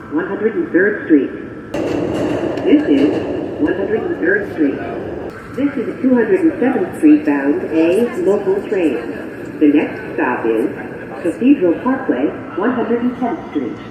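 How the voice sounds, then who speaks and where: An automated subway announcer voice made of spliced-together recorded words, stiff and evenly paced. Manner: stiff, evenly paced, pieced-together phrases with sudden pitch jumps between words. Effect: spliced-together recorded words over a train loudspeaker. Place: inside a moving subway car. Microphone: train loudspeaker picked up from across the car. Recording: echoey loudspeaker heard from far off with loud train noise.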